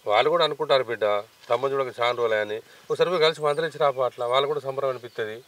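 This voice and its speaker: A man's voice: medium pitch, fairly bright tone, natural voice. An actor playing a middle-aged village father who coaxes and consoles his children in a Telangana accent. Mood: coaxing. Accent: Telangana Telugu. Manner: coaxing, consoling, brisk. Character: older village father, soothing and fond.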